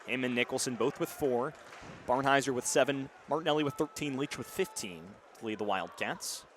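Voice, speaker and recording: A radio play-by-play man in his early twenties calls a basketball game live from courtside, his mid-range voice moving briskly through punchy, clipped lines. A loud arena crowd, court noise and a bouncing ball fill the background.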